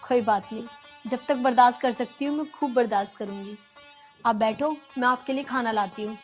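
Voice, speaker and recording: Woman as young daughter-in-law, long-suffering, pleading, high voice, light music behind. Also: normal speed, natural voice. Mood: calm. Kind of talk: village film drama.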